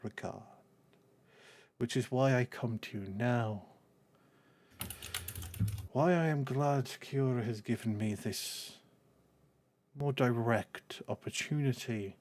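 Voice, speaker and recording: Haughty fantasy god for a tabletop game, played by a man: slow, formal, condescending, mid-pitched. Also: a little mellow. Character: haughty, dismissive deity granting audience.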